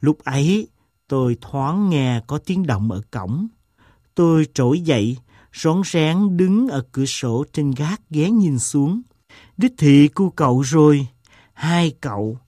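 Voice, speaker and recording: A man voices an eccentric gentleman in a storybook reading. He tells his tale slowly and deliberately, with a self-mocking tone. The sound is close and dry. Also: on the high side, lively intonation, no echo. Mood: wry.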